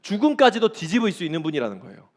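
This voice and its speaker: A man's voice: sits high, big pitch swings, rapid-fire. A man preaching a sermon as pastor, emphatic and firing rhetorical questions at the congregation.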